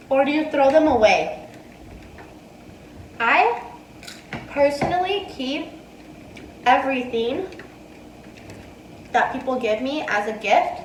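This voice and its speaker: A woman's voice: high-pitched, reverberant, recorded from a distance, a little hiss or hum, rough recording. A woman in her twenties answering viewer questions between bites, casual and chatty. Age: 20s. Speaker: mukbang vlogger. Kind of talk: casual Q&A while eating. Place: dining room indoors. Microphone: earphone mic, phone in hand.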